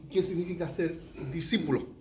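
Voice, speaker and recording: A man's voice: a little high, a little fast, dark tone, slight background noise. A middle-aged man, teaching a sermon and asking the congregation questions. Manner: asks the congregation questions, frequent "¿ya?". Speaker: pastor.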